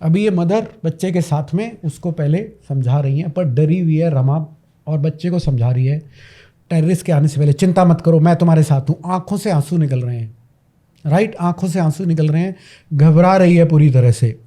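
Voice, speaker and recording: Dramatic, high-voiced man telling a story. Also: moderate pace, mellow. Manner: dramatic storyteller, repeats lines for emphasis. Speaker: podcast guest, parenting coach. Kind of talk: storytelling in a podcast interview.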